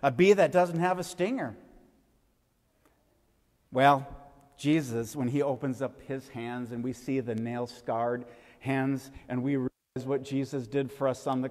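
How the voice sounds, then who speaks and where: A man, a pastor, giving a funeral sermon and telling a gentle story to the children. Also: mid-range voice. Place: church sanctuary. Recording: reverberant church hall.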